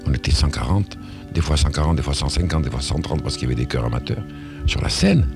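A man with a very deep, gravelly voice holds forth in an interview about his own musical work. He wanders off on asides and restarts his sentences often, with an indignant edge. Faint music sits behind him. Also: fast talker. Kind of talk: rambling interview talk.

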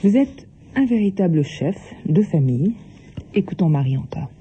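A male radio host with a fairly high, slightly husky voice on a dull, lo-fi recording. He steers the interview in an affable way, introducing clips and prompting his guest. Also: animated, moderate pace.

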